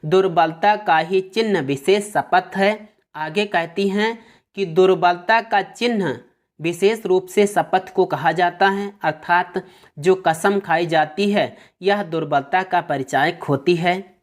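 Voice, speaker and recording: A woman teacher who reads a verse aloud and then explains it line by line in plain words. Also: fairly low pitch. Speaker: Hindi teacher.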